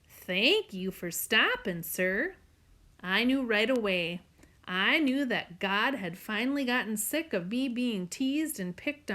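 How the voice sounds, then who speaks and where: A woman reads a novel aloud in the first person, earnest and steady. Her voice sits a little high for a woman. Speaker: audiobook narrator.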